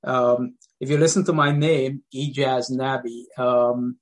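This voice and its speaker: A middle-aged man from Guyana, a pastor, telling his life story as a podcast guest, with many pauses and ums. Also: mid-range voice, level tone. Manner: hesitant, many ums, repeats words.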